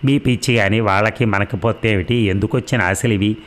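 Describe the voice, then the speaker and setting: A man voicing a modest, practical middle-aged village mother who scolds gently, in a storybook reading. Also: lowish voice, fairly quick, close to an everyday voice. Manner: cautious, scolding.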